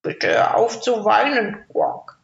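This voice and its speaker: Woman putting on a gravelly croaking frog. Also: on the high side, wildly swooping pitch, pitched above the performer's own voice, heavily acted. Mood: pleading. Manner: drawn-out, croaks between phrases. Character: croaking male frog in a well, pleading, bargaining. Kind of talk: storybook reading. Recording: roomy, dull lo-fi recording.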